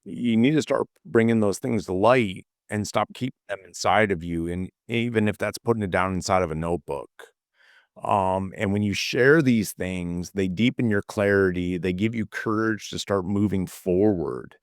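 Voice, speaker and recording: Deep earnest guy, kinda hoarse today, lotta ums and restarts, dry close sound. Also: normal speed, no room sound. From California. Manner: earnest, many fillers and restarts. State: losing his voice a bit. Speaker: podcast co-host. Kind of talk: motivational talk.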